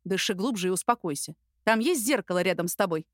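A woman reading an audiobook, voicing a calm, teasing male friend with a steady, reassuring manner. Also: mid-range voice, fast talker, no room sound, clean studio sound, close to an everyday voice.

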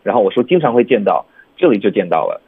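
A man teaching English pronunciation on a radio show, stretching words out slowly to demonstrate sounds. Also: fairly low pitch, big pitch swings, slightly rough. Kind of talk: radio lesson chat. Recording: tinny phone-like radio sound.

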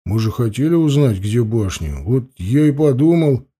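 A man's voice: medium pitch, very animated, moderate pace, warm tone, breathy edge. A man voicing a defiant teenage boy. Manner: sulky, defiant.

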